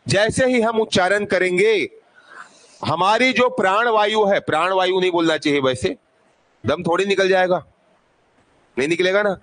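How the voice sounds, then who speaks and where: Male teacher, high voice, unhurried drilling, asks and answers himself. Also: fairly bright tone. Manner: repeats sounds slowly to demonstrate. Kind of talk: classroom grammar lesson.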